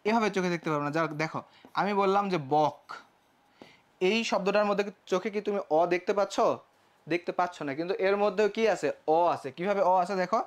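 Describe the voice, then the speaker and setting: A young male teacher with a high voice runs a live online lesson. He explains step by step, keeps checking whether it is clear, and voices his students' questions himself. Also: fast. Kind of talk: live online class lecture.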